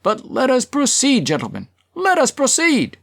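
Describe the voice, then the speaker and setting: A man's voice: fairly high pitch, sing-song, fairly quick, fairly bright tone. A man voicing a stern male chairman who commands a rowdy town meeting in a storybook reading. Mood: commanding. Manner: commanding, calls for order.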